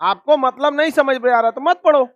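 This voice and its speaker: Male teacher, very high voice, dry sound; scolds the class and fires drill questions. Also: no room sound, lo-fi sound. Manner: scolding, calls students donkeys; rapid drilling questions, repeats answers. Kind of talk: classroom map lesson.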